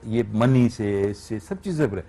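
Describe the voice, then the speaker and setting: A man's voice: on the low side, expressive, moderate pace, dark tone. A man, a radio voice artist, explaining his craft step by step as a guest on a TV morning show and checking that he is understood. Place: TV studio.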